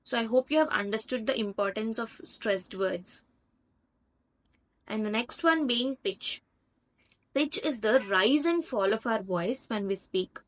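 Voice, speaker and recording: A female online tutor with an Indian English accent gives an explanatory lecture over slides, teaching patiently step by step with examples. Her fairly high voice is animated, and she speaks a little slowly.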